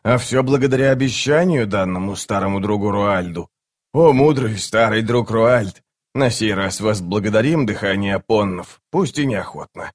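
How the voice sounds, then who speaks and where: A man's voice: lowish voice, normal speed, natural voice. A man reading an audiobook, voicing a plump, self-important male sorcerer who talks in a florid, pompous way. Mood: relieved. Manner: pompous, talks about himself in the third person. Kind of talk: audiobook character voice.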